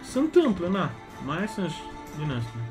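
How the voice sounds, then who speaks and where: A young man from Romania streaming slots live, chatting casually and loudly greeting viewers one after another. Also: high-pitched. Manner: loud, excitable, greets chatters rapidly. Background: music.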